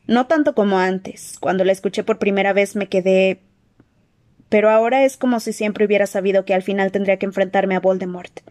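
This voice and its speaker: Muchacho mago grave y tranquilo de audiolibro, leído por una mujer. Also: female voice, medium pitch, steady tone, natural voice. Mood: serious. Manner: quiet, earnest, measured. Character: teenage wizard boy, earnest and burdened. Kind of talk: audiobook character voice.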